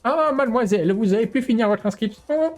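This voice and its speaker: A man's voice: very high-pitched, expressive, a little fast, a little mellow, soft background music, voice pushed up. A man voicing a fussy, stern woman school principal in a prim, formal way, in a game playthrough.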